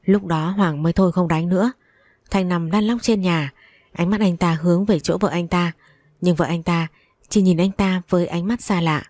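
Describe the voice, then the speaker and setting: A woman's voice: on the low side, steady tone, moderate pace, a little mellow, no room sound. A woman narrating a dramatic first-person story. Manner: dramatic, reads dialogue aloud.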